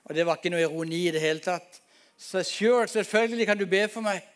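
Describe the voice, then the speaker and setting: A man's voice: high voice, clear, resonant tone. A man, a pastor, preaching a sermon and telling his testimony in an emphatic storytelling way, addressing the congregation directly.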